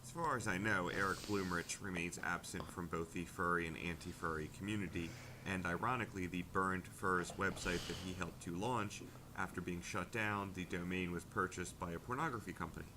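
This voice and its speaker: A man giving steady, scripted documentary narration about a fan community's history, played back from a video. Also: low voice, a little fast, background noise. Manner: steady, informative storytelling.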